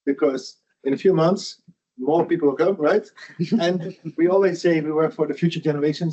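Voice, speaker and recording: Mellow and fairly high in pitch, the voice belongs to a middle-aged foundation founder from the Netherlands. He speaks earnestly and conversationally at a lunch lecture, frequently restarting sentences, on a dull, lo-fi recording.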